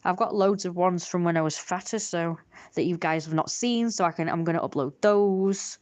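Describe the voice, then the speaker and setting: This streamer and artist chats casually as she draws on her livestream, wandering from thought to thought and being hard on herself. She speaks at a moderate pace in a lowish, slightly mellow voice.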